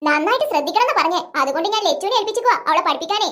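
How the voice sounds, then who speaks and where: A performer voicing a strict, sharp-tongued mother in a cartoon, nagging and sarcastic toward her husband. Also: very high-pitched, expressive, very fast, exaggerated voice. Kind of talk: cartoon voice acting.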